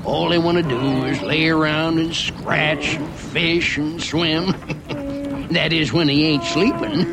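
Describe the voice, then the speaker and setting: A man's voice: fairly high pitch, lively intonation, slow pace, noisy background. A man playing a folksy, wry Old West mining train guide, drawling in a rural Western American accent as he narrates a theme park ride. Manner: drawling, folksy dialect with chuckles.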